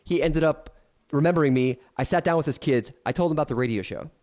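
A man in his thirties hosts a casual podcast, teasing his guest and spinning stories in a joking way. His voice runs on the high side and a little mellow, and he talks fast.

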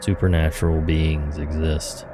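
A man hosting a podcast, narrating a scary true story in a steady, hushed way. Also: a bass voice, measured pace. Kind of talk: scripted horror story narration. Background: soft music.

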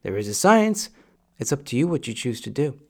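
A man's voice: medium pitch, sing-song, brisk, a little mellow. A middle-aged man hosting a podcast, giving a direct, repetitive motivational monologue in a coaching tone. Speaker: podcast host.

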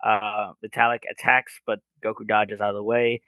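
A man co-hosting a podcast, recapping an episode's plot in a casual way with many filler pauses. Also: on the low side, little pitch movement, sharp tone, no echo. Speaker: podcast co-host.

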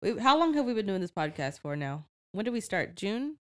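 A woman co-hosting a podcast in a casual chat about books, playful and quick to giggle. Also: medium pitch, very animated, no echo, clean studio sound. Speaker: podcast co-host.

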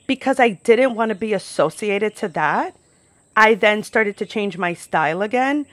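A young American podcast host with ties to New York and Florida tells personal stories to camera outdoors at home. She is candid and chatty, often using "like" as filler. Her voice is mid-range, with no echo.

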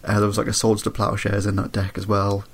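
A man chatting casually, his voice croaky and congested from a head cold. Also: fairly low pitch, completely flat delivery, brisk. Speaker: podcast co-host. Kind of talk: casual chat. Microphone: remote internet voice call.

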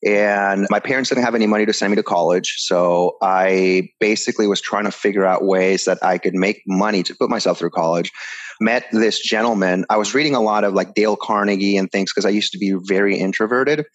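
A man from Ecuador, a guest on an interview show, telling his background in an energetic, casual way. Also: fairly low pitch, brisk.

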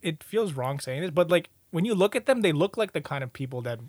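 A young podcast co-host with a fairly high voice tells a story fast, with lively intonation and no room sound. His chat is casual, slangy and full of swearing. He acts out what people said as he goes.

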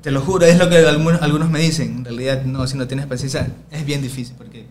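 Un hombre joven con acento ecuatoriano, líder comunitario, que cuenta anécdotas en una charla informal de podcast, imitando los diálogos. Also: male voice, medium pitch, quick pace, a little hiss or hum. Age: young adult. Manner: animated storyteller, acting out dialogue. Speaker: community leader. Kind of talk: casual podcast conversation.

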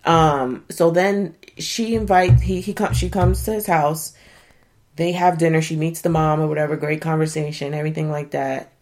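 Animated slangy woman recapping a show. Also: low voice, normal speed. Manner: animated, swears, laughs a lot, slangy. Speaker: show reviewer. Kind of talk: casual chat recapping a reality show.

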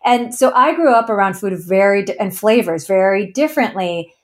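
A woman in her thirties, originally from Ecuador, tells her founder story in an interview. Her voice is medium-pitched with lively intonation and a moderate pace, and she speaks earnestly, laughing now and then.

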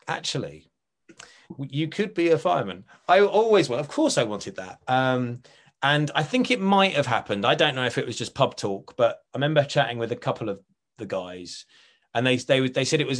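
In this interview clip, a middle-aged actor and writer from Essex, England looks back casually, wandering off on tangents and often correcting himself. He speaks in a mid-range voice with a somewhat bright quality.

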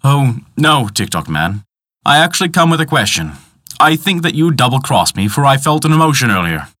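A man voicing a worried wealthy gentleman who speaks in a raised, strained, urgent way. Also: mid-range voice, big pitch swings, normal speed, no echo, clean studio sound, pitched above the performer's own voice. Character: anxious wealthy man, pleading.

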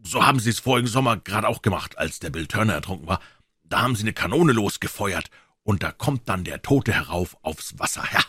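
A man's voice: lowish voice, animated, fairly quick, pushed and bright, slightly rough, no echo, studio quality, heavily acted. A man reading aloud, voicing a scruffy, superstitious boy who tells tales anxiously in a storybook.

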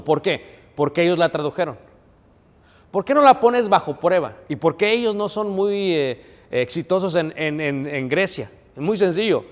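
A man's voice: a little high, big-room sound. A man preaching a sermon, earnest and emphatic, calling his listeners brothers. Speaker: pastor.

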